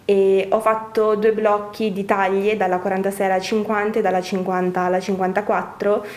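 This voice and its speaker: Young woman, even voice through a face mask. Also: mid-range voice. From Brescia, northern Italy. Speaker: interview guest, young fashion designer. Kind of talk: interview answers explaining own work. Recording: roomy, echoing indoor sound.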